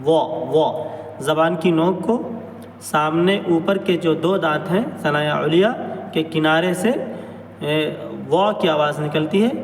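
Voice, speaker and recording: Guy teaching arabic letter sounds, slightly high voice, stretches each sound out, echoey hall from a bit far off. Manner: drawn-out, careful articulation of Arabic letters. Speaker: Quran recitation teacher. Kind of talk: slow letter-by-letter pronunciation lesson. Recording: echoey hall, mic at a distance, faint noise.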